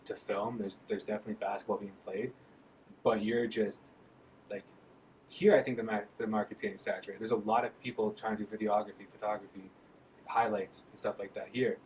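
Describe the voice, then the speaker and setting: Chatty male interviewer, faint rumble. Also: fairly even intonation, a little mellow, poor audio. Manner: chatty, upbeat, quick follow-up questions. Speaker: interviewer, host. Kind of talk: casual interview chat.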